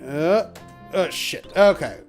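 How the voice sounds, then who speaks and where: Lively man narrating a game playthrough. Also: a little high, takes it slowly, faint music behind. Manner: reads game text aloud, loose with fillers and mild swearing. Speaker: let's play host. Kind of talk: casual gameplay commentary.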